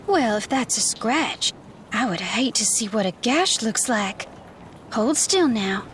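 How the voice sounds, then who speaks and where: Coy mystical fortune teller lady for a game, high voice, unhurried. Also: lively intonation, slight background noise. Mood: doting. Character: playful, mysterious all-seeing woman fortune teller. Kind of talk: video game character acting.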